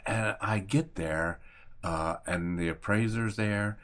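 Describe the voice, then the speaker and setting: A deep-voiced man in his fifties from Maryland tells a story straight to the camera. His talk is loose and conversational, with mild cursing and bits of remembered dialogue acted out along the way. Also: slow, a bit bright. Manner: conversational, mildly profane, acts out remembered dialogue. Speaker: real estate agent and attorney. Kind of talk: casual personal storytelling to camera.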